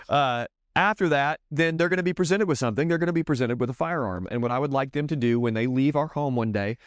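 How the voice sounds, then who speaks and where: A man's voice: mid-range voice, clean tone, no echo, studio quality. A middle-aged man talking to other parents in a casual teaching style, earnest and rambling, often stopping to correct himself.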